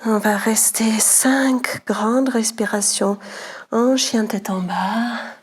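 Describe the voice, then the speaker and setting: A woman teaching a yoga class, giving calm cues in time with the breath, a little out of breath and stuffy with a cold. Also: on the high side, takes it slowly. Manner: calm cues timed to the breath, some lines whispered. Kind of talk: guided yoga class instruction.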